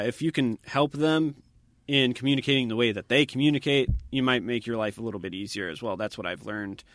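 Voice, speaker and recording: A man casually telling personal stories in a conversation, relaxed and anecdotal, his voice dropping quietly at the ends of sentences. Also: lowish voice, no echo.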